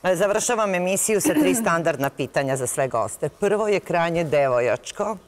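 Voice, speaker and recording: A woman's voice: fairly low pitch, very animated, moderate pace. A woman in her fifties hosting a TV talk show, asking persistent questions in a playful, teasing way. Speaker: host.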